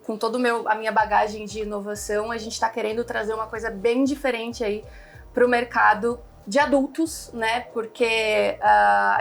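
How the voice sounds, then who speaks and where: A young Brazilian woman, guest on an interview and founder of an online English school, rambles casually with many fillers. She speaks in a slightly high voice with vocal fry.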